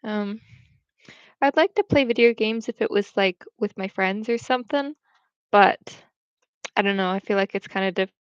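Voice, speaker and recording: She rambles in English and French while reading her viewers' comments, using a clean, mid-range voice at a moderate pace with long pauses. This casual livestream has no echo, and the home recording sounds dull and dry.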